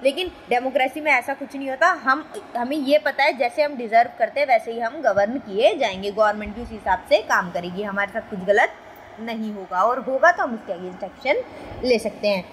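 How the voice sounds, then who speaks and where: A young woman teaching a school civics lesson in a casual, conversational way, often asking rhetorical questions and reading quotes slowly. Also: a little high, slight background noise, low-quality recording. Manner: reads English quotes slowly.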